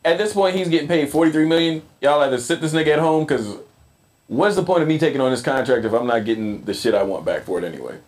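A man co-hosting a casual podcast chat, joking and swearing as he riffs on sports and news. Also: fairly high pitch. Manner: animated, joking, profane, quick.

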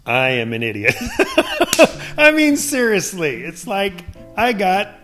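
A man's voice: high-pitched, wildly swooping pitch, slow, bright, forceful tone, faint music behind. Earnest, laughing man co-hosting a devotional chat. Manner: earnest, laughs often, quotes scripture. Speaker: podcast co-host.

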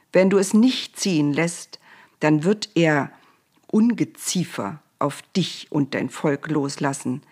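A woman's voice: low voice, darkish tone, husky, full character voice. A woman reading Moses, a solemn prophet.

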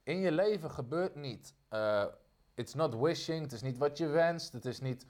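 A man preaching a sermon, emphatic, repeating phrases and slowing down on key lines. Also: fairly high pitch, lively intonation, a little mellow.

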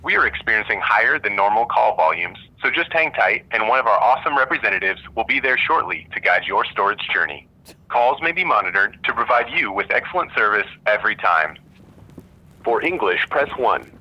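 A man's voice: lowish voice, big pitch swings, fairly quick. A man reading an upbeat scripted phone menu announcement, recorded over a phone line.

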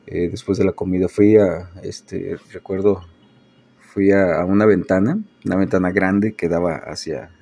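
Low-voiced man sharing a testimony. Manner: conversational, many fillers and restarts, acts out past shouting. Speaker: preacher. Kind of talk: personal testimony talk.

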